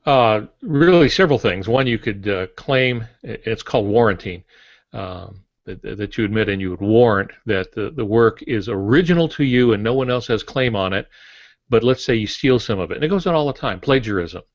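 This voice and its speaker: On a podcast, a veteran author in his sixties joins the panel by video call from his home office, explaining with an expressive, lowish voice at a moderate pace. No room sound is audible, though the earbud microphone leaves the sound dull and compressed.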